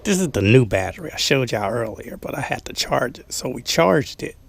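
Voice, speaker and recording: Handling items in a small carpeted room during an unboxing, a vlogger talks in a casual, folksy way, as though partly to himself. His medium-pitched voice is sing-song and gravelly, fairly quick, and there's a little hiss or hum on the recording.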